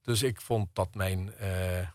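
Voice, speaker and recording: A man's voice: deep voice, fairly even intonation, slow, darkish tone, dry recording, studio quality. A middle-aged man, a percussionist and conductor talking hesitantly in an interview, full of fillers and restarts. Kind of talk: radio interview conversation.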